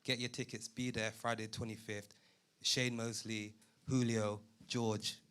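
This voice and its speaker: A man speaking as a boxer at a press conference, measured, respectful and confident. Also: on the low side, flat delivery, fairly bright tone, clear, resonant tone.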